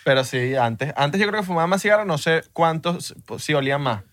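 A man co-hosting a podcast in casual, playful banter with quick comebacks. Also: on the high side, animated, fairly bright tone, no echo, clean studio sound. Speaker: podcast co-host.

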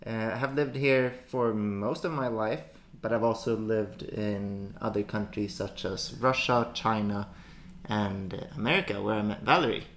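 A young Swedish man joins a podcast as a guest, with a low, gravelly voice. He answers briefly and hesitantly, pausing often on fillers. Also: a bit bright. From Sweden. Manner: hesitant, many "uh"s, short answers. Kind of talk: casual podcast chat.

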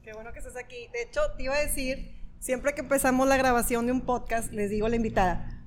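A woman co-hosting a podcast interview, relaxed and playful. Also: on the high side, quick pace, slight background noise. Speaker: podcast co-host.

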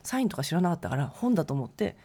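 A woman painter telling stories as a guest in a casual interview, lively and laughing, acting out other people's lines. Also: on the low side, very fast, slightly rough. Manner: lively, acts out quotes in other voices, laughs often.

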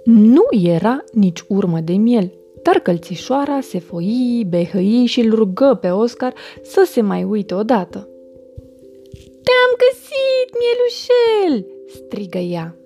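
Woman, bedtime story, gentle, soothing, mellow voice, faint music. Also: medium pitch. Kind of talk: bedtime story reading for children.

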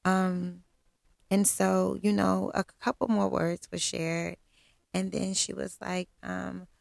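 A middle-aged woman telling a personal story to her viewers, blunt and self-assured, often pausing on "um". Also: medium pitch, little pitch movement, vocal fry, darkish tone, no echo, studio quality. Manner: blunt, candid, self-assured straight talk with frequent ums.

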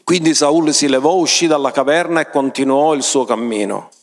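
A man preaching a sermon, retelling scripture and stressing points by raising his voice. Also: normal speed. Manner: emphatic, often rising in pitch for stress; storytelling, retells scripture with commentary.

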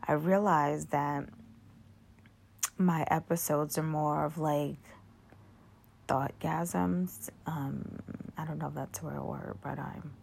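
Low, gravelly woman with a sleepy morning voice. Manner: soft, hesitant, many fillers and restarts. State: groggy morning voice. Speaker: podcast host. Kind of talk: casual solo podcast talk. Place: bedroom, in bed. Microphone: phone app.

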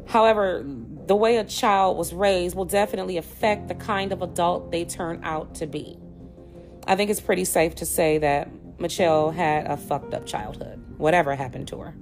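A woman's voice: lowish voice, steady tone, moderate pace, soft background music. An American woman hosting a podcast, narrating true crime in a grave storytelling manner with blunt personal asides. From Detroit, United States. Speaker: podcast host.

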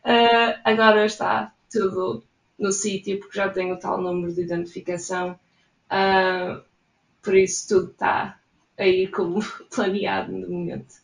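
A young woman from Portugal with a European Portuguese accent, chatting easily through interview answers and laughing softly now and then. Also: mid-range voice, level tone, normal speed, creaky. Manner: chatty, frequent soft laughs. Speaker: interviewee, immigrant in Sweden. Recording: roomy echo.

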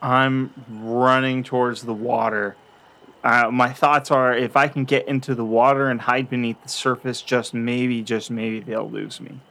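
A man playing a tabletop role-playing game, thinking aloud in a casual, unhurried way. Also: medium pitch, flat delivery, bright, forceful tone. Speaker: player.

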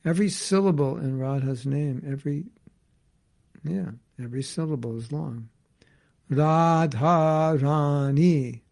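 Man, scripture class teacher, reads then explains, gravelly voice, mellow dark tone. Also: mid-range voice, normal speed. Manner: reads a passage then comments in casual asides. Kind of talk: reading and explaining scripture to a group.

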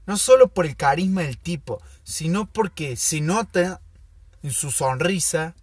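A man tells a story in a slow, thoughtful way, full of pauses. His voice is somewhat high and a little husky. The recording is dry and close. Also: animated, no echo. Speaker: podcast host. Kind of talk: casual storytelling monologue.

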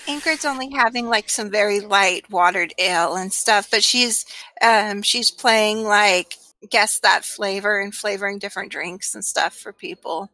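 A woman speaks as a player in a tabletop role-playing game. Her voice is bright and recorded dry and close. She chats casually about her character's choices. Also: medium pitch, unhurried, no echo, poor audio.

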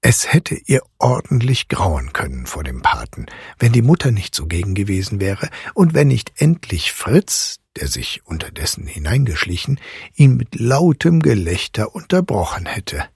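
A man reads a fairy tale aloud with expressive storytelling. His voice is husky and breathy, with a lively, swinging pitch. The sound is dry and close. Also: normal speed, no room sound. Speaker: reader. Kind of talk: audiobook fairy tale reading.

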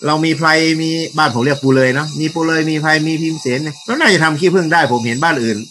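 A male schoolteacher telling stories in a casual interview, jokey and lively, slipping into acted quotes. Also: on the high side, fast, slight background noise.

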